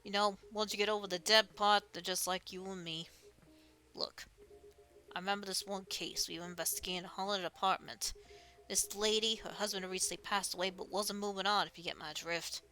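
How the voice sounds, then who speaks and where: A woman's voice: mid-range voice, steady tone, brisk, pushed and bright. A woman streamer reading game dialogue aloud in a playful manner, often laughing. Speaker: streamer playing a visual novel.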